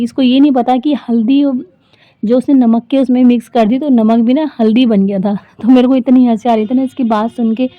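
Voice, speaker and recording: A woman's voice: fairly high pitch, no room sound. A woman in her thirties, a vlogger and homemaker, talking in a chatty, rambling way full of fillers as casual vlog voice-over. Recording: dry, thin phone-like sound.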